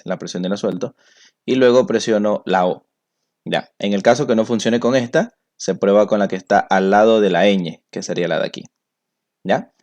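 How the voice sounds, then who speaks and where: A man's voice: fairly low pitch, dark tone. A man teaching a computer class, explaining each step patiently. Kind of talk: screen-recorded software tutorial.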